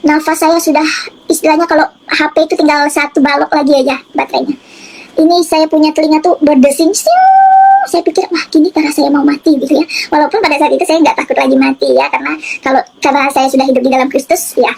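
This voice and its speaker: High-voiced woman giving an earnest testimony. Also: vocal fry, a little mellow, low-quality recording. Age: adult. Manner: earnest, halting with fillers and restarts. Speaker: testimony giver. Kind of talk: personal faith testimony.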